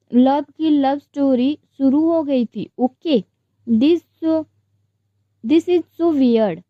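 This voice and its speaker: Woman reading a story, high voice, dry dull lo-fi sound. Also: no echo. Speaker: story narrator. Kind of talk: reading a romance story aloud.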